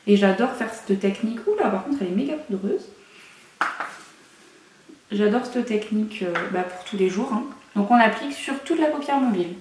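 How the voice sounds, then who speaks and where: A woman's voice: medium pitch, lively intonation, moderate pace, a little mellow, far from the mic, slight background noise. Chatty young woman, echoey room. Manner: chatty, self-mocking asides. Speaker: beauty vlogger. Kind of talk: casual makeup tutorial. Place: room at home. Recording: echoey room, mic set away.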